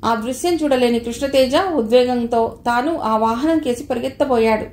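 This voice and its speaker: Woman, audiobook narrator, fairly high voice, steady storytelling, echoey room. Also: normal speed. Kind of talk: scripted narration of a novel.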